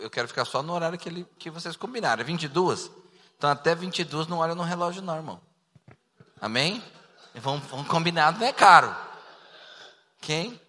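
A man preaching as a pastor, humorous and animated, joking with his congregation during a sermon. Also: fairly high pitch. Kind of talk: sermon teaching to a church. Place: church hall. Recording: long reverb of a large hall.

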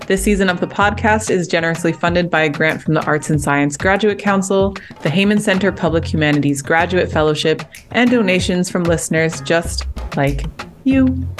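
A woman hosting a podcast in a conversational style. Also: lowish voice. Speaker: podcast host.

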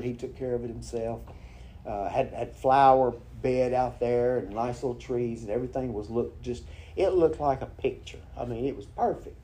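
Male preacher, folksy and halting, dark mellow tone. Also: medium pitch. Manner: folksy storytelling, halting restarts. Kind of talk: informal sermon with prayer and anecdote.

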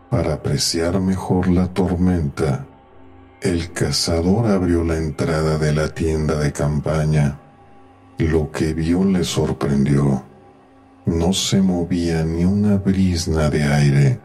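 Very deep-voiced man narrating horror slowly. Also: a little mellow. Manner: slow, grave storytelling delivery. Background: faint eerie background music.

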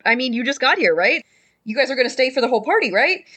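A woman's voice: high-pitched, very animated, quick pace, sharp tone, slightly rough, exaggerated voice. A woman voicing a young partygoer, asking questions in confusion. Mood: puzzled.

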